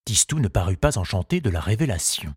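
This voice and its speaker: A man narrating a children's audiobook in a slow, gentle storytelling manner. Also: deep voice, very animated, slightly rough, no room sound, clean studio sound.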